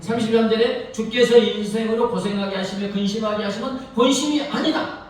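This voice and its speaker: A man's voice: high-pitched, fairly even intonation, fairly quick, slight background noise. A man preaching a sermon as pastor, telling a story and asking the congregation rhetorical questions. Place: church sanctuary. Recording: echoey hall, mic from far off.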